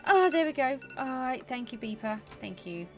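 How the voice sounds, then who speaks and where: Her high, expressive voice moves at a moderate pace over background music as she plays a building game on a live stream. The woman is an English gaming streamer with a British accent, chatting casually and thinking aloud with frequent ums.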